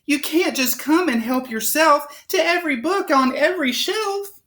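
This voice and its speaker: A woman's voice: sits high, animated, normal speed, a bit bright, pitched above the performer's own voice. A woman voicing a brave, indignant young girl rabbit who speaks in a bold, commanding way, as in a children's storybook. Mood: stern. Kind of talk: children's storybook character reading.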